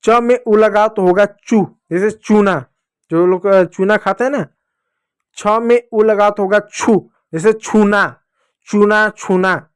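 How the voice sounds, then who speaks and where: Man, high voice, dry close sound, children's teacher, drawn-out syllables. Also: clean tone, dry recording. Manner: addresses children fondly, repeating sounds. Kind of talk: children's Hindi lesson.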